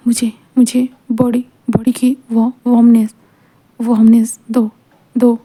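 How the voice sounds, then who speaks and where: A half-dazed young man, cold and clinging, murmurs in stops and repeats, as a woman storyteller puts him on. His tone is dark and mellow, a little high, and stays flat. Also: slightly rough. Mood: pleading. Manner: soft, halting, repeats words.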